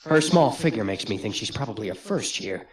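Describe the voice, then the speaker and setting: A man hosting a let's play, reading the game's text aloud in an expressive way. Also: lowish voice, fairly quick, a crowd in the background. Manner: expressive, often laughing between lines.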